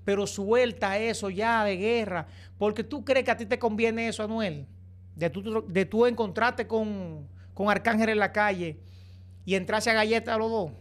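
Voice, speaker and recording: A man's voice: high-pitched, moderate pace. A man giving opinionated entertainment gossip commentary, lecturing his viewers. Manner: preachy, repeatedly addresses viewers as señores.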